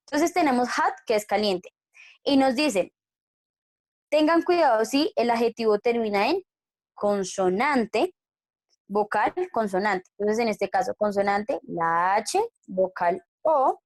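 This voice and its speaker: A woman's voice: on the high side, animated, normal speed, darkish tone, no room sound, studio quality. A woman teaching an online English class, patiently explaining grammar rules and checking that students follow. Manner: patient, checks understanding with frequent questions.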